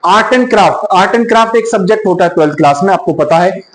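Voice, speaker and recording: A man's voice: high-pitched, fast, roomy sound, low-quality recording. A male teacher lecturing to students, often checking in with "yes or no" questions. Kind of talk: classroom lecture.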